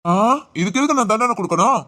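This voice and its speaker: A stern policeman husband, acted by a man, rattling off scolding lines at a brisk clip. His tone is mock-stern, with quick teasing comebacks. It plays out as an audio drama. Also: high voice, animated, pushed and bright.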